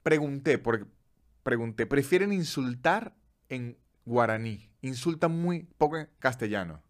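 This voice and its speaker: Un hombre venezolano con acento venezolano, presentador de podcast, contando datos en charla informal y pausada a ratos. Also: male voice, mid-range voice, animated. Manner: chatty storyteller, slows down to list facts. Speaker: podcast host. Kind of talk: casual chat.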